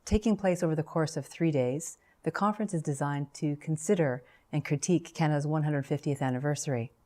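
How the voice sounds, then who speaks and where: Low-voiced woman interviewer, formal. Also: a little mellow. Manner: measured, formal, reads names and titles. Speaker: interviewer, professor. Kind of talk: formal scripted introduction then interview questions.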